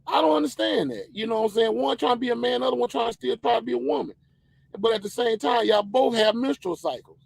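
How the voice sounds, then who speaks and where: A man's voice: very high-pitched, lively intonation, quick pace, gravelly, breathy edge, no echo, poor audio. A man, co-hosting a podcast in a loose, rambling opinion rant. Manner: loose, rambling, repeats "you know what I'm saying". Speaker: podcast co-host.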